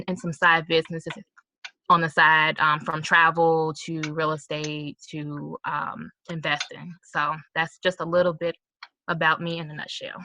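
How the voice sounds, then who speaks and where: A woman's voice: sits low, sharp tone, a little hiss or hum. A woman in her thirties from Chicago, a podcast guest talking in an upbeat, chatty way with many fillers. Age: 30s. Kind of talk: casual podcast chat.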